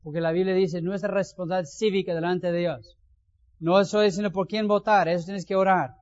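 A man's voice: high-pitched, fairly even intonation, fairly quick, a little mellow. A man, a pastor reading scripture aloud and commenting on it with folksy asides. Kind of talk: Bible reading and sermon. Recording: dull lo-fi sound.

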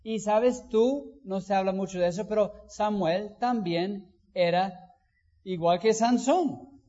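A man preaching a sermon, acting out quoted voices and rising to loud emphasis. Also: sits high, takes it slowly. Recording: dull sound with long hall reverb.

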